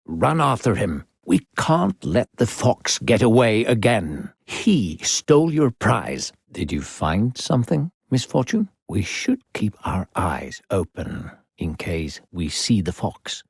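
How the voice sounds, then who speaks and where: A man gives a full character performance as Mr. Voice, an unseen, smooth-talking, sinister narrator spirit who guides a child through a theatrical video game. His deep voice is gravelly and husky, urgent and scheming, with coaxing, falsely polite, condescending, drawn-out phrasing. The recording is dry, with clean studio sound.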